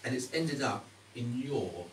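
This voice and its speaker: Male magician, chatty card-trick patter, animated intonation, distant noisy live recording. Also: medium pitch, unhurried, roomy sound. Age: middle-aged. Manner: chatty, teasing, questioning asides to audience. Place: indoor stage before a small live audience. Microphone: distant audience camera.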